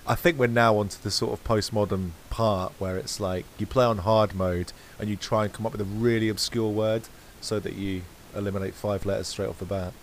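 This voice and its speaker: Guy with a lowish voice rambling on a podcast, bit of hiss in the background. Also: brisk, few pauses, rough recording. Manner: rambling, self-correcting, relaxed. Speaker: podcast co-host. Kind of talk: casual chat.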